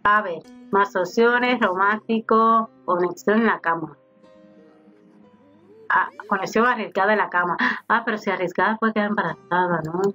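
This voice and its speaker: A woman's voice: medium pitch, moderate pace, pushed and bright. A woman giving casual let's-play commentary, chatting to her game characters as she plays. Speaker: gaming YouTuber. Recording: slightly dull home recording with faint game music. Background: faint game music.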